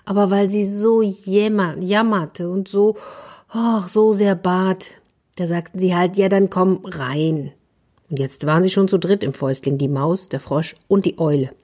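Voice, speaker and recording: A woman telling a children's story, softly, sometimes dropping to a whisper. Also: mid-range voice, fairly even intonation, moderate pace. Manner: soft, with whispered asides.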